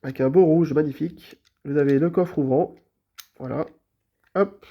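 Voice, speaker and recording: The audio is dull as a slightly high-voiced man at a moderate pace shows his toy car collection in a casual vlog. Stuffed up from a cold, he talks in a relaxed, chatty way, frequently hesitating and repeating fillers.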